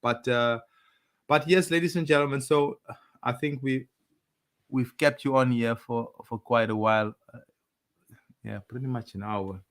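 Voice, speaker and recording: A man in an easygoing live chat with his wife. He speaks at a middle pitch, stalls and restarts his sentences, and chuckles between thoughts as he addresses the audience. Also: fairly bright tone. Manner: halting, many restarts, chuckling. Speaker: co-host of a couple's live talk.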